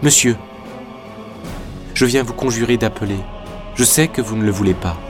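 A man's voice: mid-range voice, normal speed, music in the background, natural voice. A man voicing a tearful, devoted noblewoman torn between faith and love in an audiobook, pleading with emotion.

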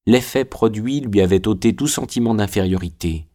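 A man narrating a classic novel as an audiobook, in a measured, literary way. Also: on the low side, warm tone.

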